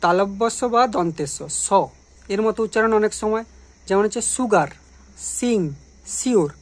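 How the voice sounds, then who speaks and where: A woman's voice: mid-range voice, fairly even intonation, brisk. A woman teacher explaining English letters and sounds, patiently asking questions and answering them herself. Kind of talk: grammar lesson.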